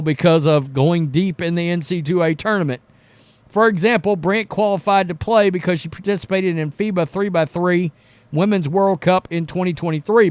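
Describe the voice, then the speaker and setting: This high-pitched male voice belongs to a show host offering casual, opinionated sports commentary. He talks bluntly and informally, with a bit of mild profanity, and there's no echo on the recording.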